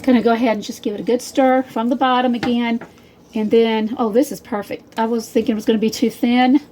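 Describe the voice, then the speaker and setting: A woman's voice: a little high, steady tone, a little fast, mellow, a little hiss or hum. A woman hosting a casual cooking video in her home kitchen, rambling in a chatty way and calling her viewers y'all. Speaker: home cook, channel host.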